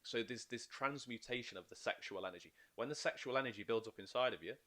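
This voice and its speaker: Speaking at medium pitch and a fast clip, this life coach chats on a podcast in a relaxed way. He's animated and eager, explaining in bursts and voicing the inner thoughts he quotes.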